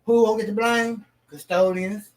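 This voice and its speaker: A man calling in to a live talk show, telling a story in halting speech with many repeated words. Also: sits high, steady tone, far from the mic, rough recording. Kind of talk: casual chat.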